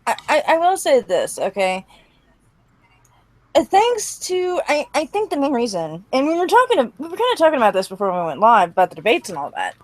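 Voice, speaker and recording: A woman co-hosting a casual live-streamed talk show, exasperated and animated, often restarting her sentences. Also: high voice, a little fast, poor audio. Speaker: podcast co-host. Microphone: headphones and computer mic.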